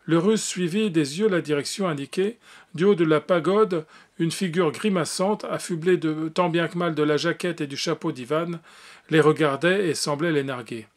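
A man's voice: fairly high pitch, moderate pace. A man reading a classic adventure novel aloud, hesitant and often stumbling over fillers. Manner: hesitant, with frequent fillers and restarts. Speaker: audiobook reader.

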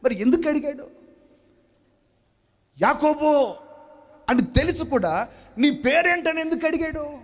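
A man's voice: extremely high pitch, animated, a little slow, long pauses. A male pastor preaching a sermon, telling a story with acted-out voices and questions to the congregation.

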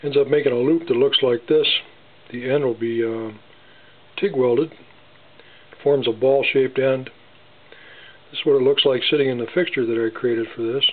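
A man in his workshop casually showing how he welds small wire parts, talking haltingly with many fillers and restarts. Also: mid-range voice, steady tone. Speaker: gunsmith demonstrating welding. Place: home workshop bench. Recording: tinny, lo-fi with faint hiss.

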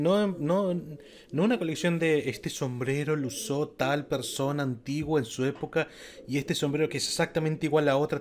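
Un hombre que comenta un juego de rol en voz alta, con apartes burlones y divagaciones sueltas. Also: male voice, on the high side. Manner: joking asides, loose rambling. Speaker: gaming video creator. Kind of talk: casual let's-play commentary.

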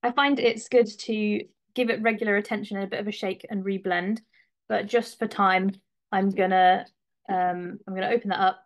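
A woman's voice: mid-range voice, steady tone, normal speed. Chatty woman demonstrating a craft. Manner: chatty, informal, with fillers and restarts. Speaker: craft presenter. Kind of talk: live webinar demonstration.

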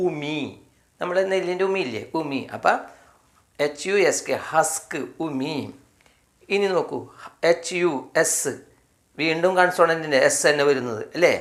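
A man with a Malayali accent teaching English spelling, slowly spelling each word letter by letter and repeating its meaning. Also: a little high, a bit bright. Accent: Malayali, from Kerala. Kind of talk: spelling and pronunciation lesson.

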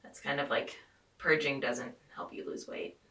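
Bright-voiced woman hosting a podcast. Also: very deep voice, fairly even intonation, normal speed. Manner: rambling, filler-heavy, frequent "like". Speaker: podcast host. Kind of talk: casual podcast chat. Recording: roomy, distant mic.

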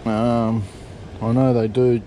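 His dark, mid-range voice stays level as he takes things slowly, with a touch of hiss or hum in the recording. A middle-aged Australian fishing vlogger, he casually rigs gear at the rear of a parked vehicle, swearing easily and chatting in how-to style, filmed on a point-of-view body camera.

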